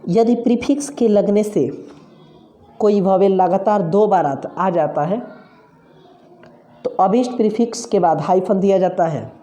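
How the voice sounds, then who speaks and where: A woman dictates grammar rules at an unhurried, deliberate pace. Her voice is deeply mellow and dark. She repeats each rule twice like a classroom teacher giving notes. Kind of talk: slow dictation-style grammar lesson.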